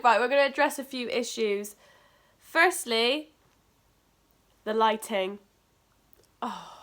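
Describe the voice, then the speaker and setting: A woman's voice: fairly high pitch, slow pace, heavy background noise. A young woman chatting casually to camera in her bedroom, stuffy and nasal from hay fever, upbeat with joking asides. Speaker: vlogger. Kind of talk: casual storytime chat to camera. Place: bedroom at home, indoors. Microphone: camera facing her.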